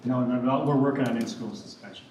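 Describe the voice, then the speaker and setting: A man's voice: mid-range voice, quick pace, darkish tone. A man presenting at a board meeting, casual and friendly. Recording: echoey room, distant mic, noise.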